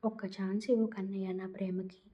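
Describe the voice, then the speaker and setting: A woman's voice: mid-range voice, little pitch movement, brisk, mellow, muffled recording, close to an everyday voice. A woman voicing a drunk, lovesick young woman who pleads in a slurred, giggly way. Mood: pleading. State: tipsy.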